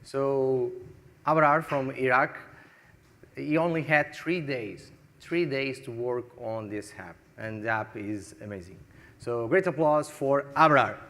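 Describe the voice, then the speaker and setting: A man's voice: mid-range voice, takes it slowly, a bit bright, in a large hall. A man hosting the event, introducing the next presenter in an upbeat way. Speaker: event host.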